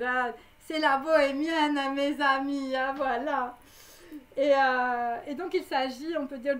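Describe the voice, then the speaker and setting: A woman's voice: high voice, a bit bright. A woman giving a psychic reading to her viewers, rambling with many fillers and tags. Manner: speaks directly to viewers. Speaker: psychic reader. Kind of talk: live clairvoyant prediction.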